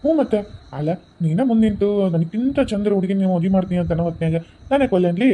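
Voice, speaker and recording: A man's voice: sits high, animated, very fast, mellow, low-quality recording. A man with a North Karnataka accent voicing a doting, playful young husband in a cartoon who teases affectionately. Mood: teasing. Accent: North Karnataka Kannada. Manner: teasing, affectionate. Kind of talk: cartoon voice acting.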